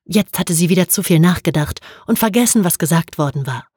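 Husky low-pitched woman narrating. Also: expressive, a little fast, darkish tone, dry recording, studio quality. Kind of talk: audiobook narration.

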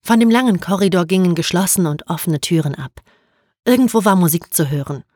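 A woman narrating an audiobook in a calm, even storytelling manner. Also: lowish voice, a little fast, no room sound, studio quality.

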